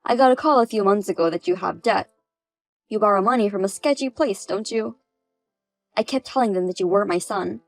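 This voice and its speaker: A woman's voice: medium pitch, brisk, no echo, faint music behind. Firm synthetic female narrator. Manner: firm, cold, matter-of-fact. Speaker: narrator and mother. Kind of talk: text-message story reading.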